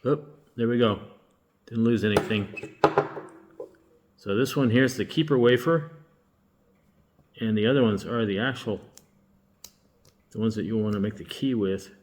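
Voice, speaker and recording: Low-voiced man explaining while tinkering. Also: a little hiss or hum. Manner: relaxed, halting, thinks aloud while working. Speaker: locksmith demonstrating key making. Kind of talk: casual hands-on demonstration.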